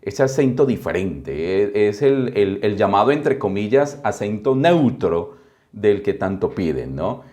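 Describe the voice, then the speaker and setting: A man hosts an interview in a somewhat low voice. He frames long, thoughtful questions, often hesitating and restarting his words before he reaches his point. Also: big pitch swings, unhurried, warm tone. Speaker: interviewer host.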